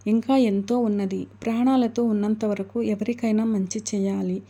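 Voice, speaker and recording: A woman's voice: medium pitch, lightly acted. A woman voicing a principled, devoted adoptive mother who speaks firmly and earnestly. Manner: firm, earnest, gently reassuring.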